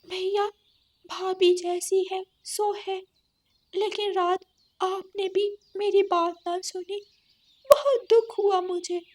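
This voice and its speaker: A woman's voice: very high-pitched, little pitch movement, takes it slowly, darkish tone. A woman voicing a wailing widowed young crow. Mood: sad, meek. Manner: tearful, pleading wail.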